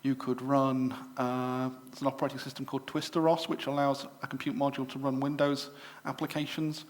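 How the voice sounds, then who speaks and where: A middle-aged English man giving a live demonstration to a club audience, chatty and full of fillers and quick self-corrections. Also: mid-range voice, level tone. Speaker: presenter at a computer club show. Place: exhibition room at a club show.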